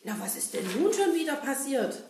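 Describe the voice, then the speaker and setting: A woman voicing Kasper, a cheerful, brave male puppet hero who talks straight to the children in a lively, sing-song way. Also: high-pitched, normal speed, a little hiss or hum. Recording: roomy echo.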